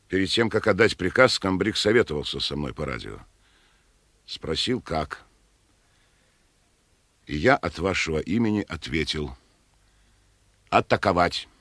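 An actor playing a solemn, resolute Soviet naval commander, addressing his men with measured, fatherly authority in a war drama. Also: sits low, a bit bright, no room sound, exaggerated voice. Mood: grave.

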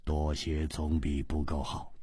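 A man voicing a cold, calm male wanderer in a storytelling performance, speaking low, soft and unhurried. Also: slightly rough, dry recording, clean studio sound, exaggerated voice. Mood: cool.

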